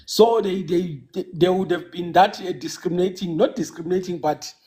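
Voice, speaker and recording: Phoning in to a relaxed live chat, a South African caller who grew up speaking Xhosa talks haltingly, often restarting and using fillers. He has a high, mellow voice.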